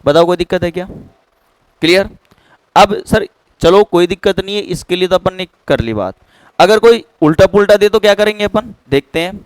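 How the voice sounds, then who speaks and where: A man's voice: high-pitched, normal speed, smooth, no room sound, poor audio. A man teaching a chemistry class, who keeps checking whether students have understood. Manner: keeps quizzing students with "clear?". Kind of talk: classroom lecture.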